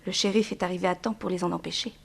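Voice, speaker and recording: In a 1960s French radio drama, an actress uses measured theatrical diction to play a young bereaved daughter who is composed and frank but guarded. Her voice is on the low side, steady, gravelly with a breathy edge, and her mood is earnest.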